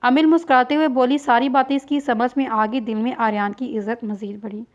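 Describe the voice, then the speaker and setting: A woman reading a novel aloud in scripted narration, voicing every character herself in an even read-aloud delivery. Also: on the high side, brisk, highs cut off. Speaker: novel reader.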